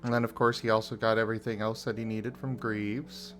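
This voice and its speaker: A man's voice: on the low side, brisk, faint music behind, natural voice. A man playing a cocky, theatrical mage leading a ritual in a tabletop game, with a showy manner. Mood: confident. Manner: showy, animated.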